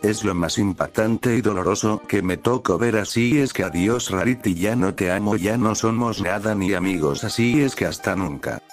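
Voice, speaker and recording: A young, lovestruck baby dragon from a storybook fan tale, read by a man. The voice is low and deep, steady and plain. Faint music runs beneath it. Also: normal speed, few pauses, natural voice. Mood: hurt. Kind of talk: reading fan fiction aloud.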